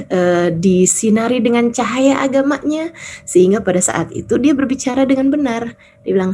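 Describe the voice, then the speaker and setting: A woman's voice: mid-range voice, a little mellow. Female preacher, conversational sermon, slight noise. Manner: chatty storytelling, acting out quoted voices. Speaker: Islamic preacher. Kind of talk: casual sermon to women.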